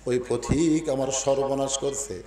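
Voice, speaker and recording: A man's voice: mid-range voice, fairly even intonation, a little slow, reverberant, distant mic, a crowd in the background, close to an everyday voice. A preacher voicing a humble young shepherd man who cries out and pleads. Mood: wailing. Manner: crying out, pleading.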